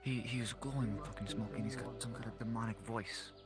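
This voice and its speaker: A man's voice: mid-range voice, steady tone, fairly quick, close to an everyday voice. A man playing a crude, agitated onlooker in online role-play, stammering and swearing in casual chatter. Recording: music over the voice.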